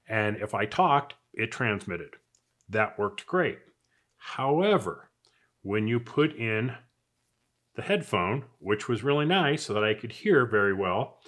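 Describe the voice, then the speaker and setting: A male product reviewer who hosts a channel talks through a review in a medium-pitched voice. He sounds casual and off-the-cuff, chatting and thinking aloud in an everyday, conversational manner.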